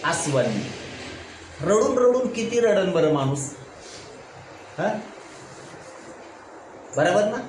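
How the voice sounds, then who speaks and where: This pastor's voice sits high and sounds a little mellow, sing-song and slow, with frequent pauses. He runs a Bible study sermon, asking the congregation questions, answering them himself and repeatedly checking "right?". The room echoes and there's background noise.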